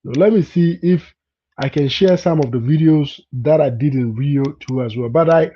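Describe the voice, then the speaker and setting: A little high and husky, at a normal speed, is the voice of a man from Ghana vlogging live for his viewers in casual chat. He repeats words, often asks "you understand?", and the lo-fi recording sounds dull.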